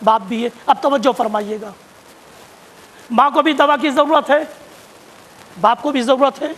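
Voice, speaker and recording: A man preaching a sermon, repeating phrases for emphasis and rising to shouts at key points. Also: extremely high pitch, fairly even intonation, a little hiss or hum. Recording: long hall reverb.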